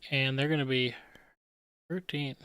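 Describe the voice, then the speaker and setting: A man's voice: mid-range voice, unhurried, clear, resonant tone, dry recording, studio quality. Laid-back man rambling over manga panels. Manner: relaxed, rambling, chuckles at himself. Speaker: streamer analyzing manga panels. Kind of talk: casual commentary.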